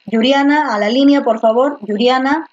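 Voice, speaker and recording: A female teacher runs an online class through a computer microphone, patiently repeating words and quizzing her students. Her voice is high and her speed normal, and the video-class audio is lo-fi and slightly muffled.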